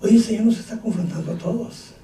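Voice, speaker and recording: A man preaching a sermon, acting out dialogue and breaking into shouted bursts. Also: sits high, fast. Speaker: pastor. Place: church hall. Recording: echoey hall, distant mic, faint noise.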